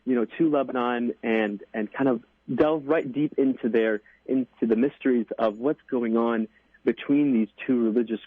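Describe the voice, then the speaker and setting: A young man in his twenties, a deacon and guest, talks in an earnest, halting way full of fillers. He comes through a dry, thin phone line. His voice sits in a middling register. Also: mid-range voice, dry recording. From United States. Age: 20s. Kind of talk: interview on radio.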